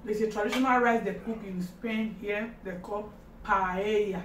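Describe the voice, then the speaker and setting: A woman's voice: mid-range voice, steady tone, moderate pace. A woman in her thirties with a Nigerian accent hosting a casual mukbang, exclaiming and talking between mouthfuls. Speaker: host of an eating show. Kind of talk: casual mukbang eating chat. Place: kitchen or dining room indoors. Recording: roomy, distant mic, faint noise.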